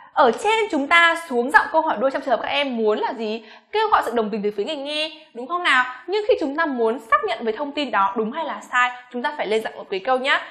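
A woman whose first language is Vietnamese, teaching English pronunciation to students and reading each example sentence slowly with exaggerated rises and falls. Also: sits high, sharp tone. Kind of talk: classroom-style lesson addressing students.

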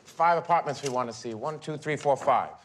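A man's voice: medium pitch, fairly quick, slight background noise. A man giving rambling, neurotic first-person comic narration in a mockumentary. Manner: neurotic, self-absorbed, rambling.

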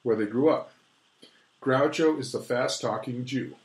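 A man speaking as an author and guest, lecturing at length in a casual interview. He restarts his sentences a lot while explaining. His voice sits at a middle pitch and rings in a roomy, echoey space. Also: measured pace. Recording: roomy echo.

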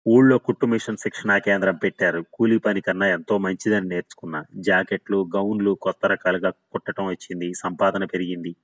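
A man's voice: low-pitched, fairly even intonation, a little fast, few pauses, no room sound, lightly acted, low-quality recording. A man voicing an older village mother who recounts her hardships plainly and sadly. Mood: sorrowful. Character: village mother, older woman, weary and sorrowful.

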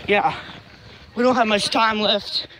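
A teenage boy vlogging in casual chat while hiking a dark trail at night, excitedly calling out to his friends, recorded on a handheld phone. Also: high voice, measured pace. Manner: excited, slangy, calls out to friends. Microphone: phone camera held while walking. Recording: noisy outdoor phone recording.

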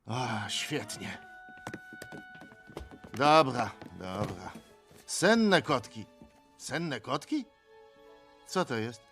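A gruff middle-aged cartoon supervillain who sounds permanently exasperated. He drags his words out slowly and lets his pitch swing widely. He sounds sarcastic and openly reluctant, over a faint film score. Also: lively intonation, a bit bright, soft background music. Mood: grumbling. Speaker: dubbing actor. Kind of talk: animated film dub acting.

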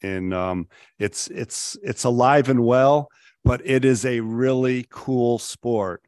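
A middle-aged man delivers a councilor's report from a table microphone in a council chamber. He rambles, filling pauses with ums, but sounds upbeat. His voice is mid-pitched and the sound is close and dry. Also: a little mellow, no echo. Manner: rambling, many ums, enthusiastic. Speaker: city councilor.

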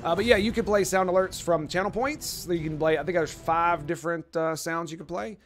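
A man's voice: on the high side, a little fast, a little hiss or hum. A man casually commentating his strategy game on a live stream, swearing and groaning at his own mistakes.

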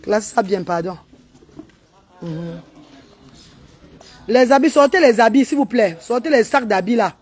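A woman's voice: fairly high pitch, lively intonation, unhurried, long pauses, darkish tone, slightly rough. A woman hosting a casual live stream at a charity event, chatty and calling out praise and instructions.

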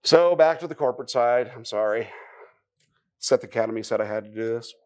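Male tech presenter at a live summit, easygoing and a little sarcastic, average pitch. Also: brisk, darkish tone. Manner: conversational, asks the audience questions, wry asides. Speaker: conference speaker. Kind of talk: live technical conference talk. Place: conference room before a live audience.

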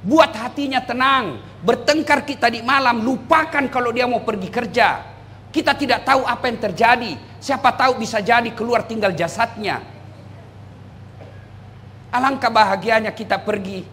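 Speaking at a normal speed, this middle-aged man from South Sulawesi preaches a funny Islamic sermon with a Makassarese Indonesian accent. He jokes with the audience in an animated way, his rather high voice frequently breaking into shouts, while a faint room hum sits beneath.

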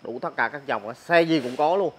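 Male channel host, southern Vietnamese accent, mid-pitched, forceful. Informal hard-sell promo delivery that urges buyers on. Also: a little fast, slight background noise.

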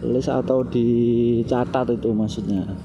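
A man's voice: mid-range voice, fairly even intonation, a little slow, lo-fi sound, music in the background. A young man vlogging from a motorbike in city traffic, hesitant and repetitive, calling the viewer "bro" a lot. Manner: hesitant, repeats himself, says "bro" a lot. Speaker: motovlogger. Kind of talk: casual motovlog talk while riding.

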